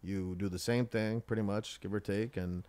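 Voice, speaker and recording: A man hosting a casual interview, talking informally in halting, trailing phrases. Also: on the low side, fairly even intonation, darkish tone. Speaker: podcast host interviewing his grandmother.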